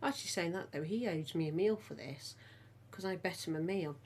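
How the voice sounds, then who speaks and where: A woman's voice: on the low side, fairly quick, darkish tone, husky. A middle-aged woman with a Midlands accent, chatting casually as a podcast co-host and telling stories with frequent laughter. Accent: English Midlands. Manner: chatty storyteller, laughs often. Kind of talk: casual family chat.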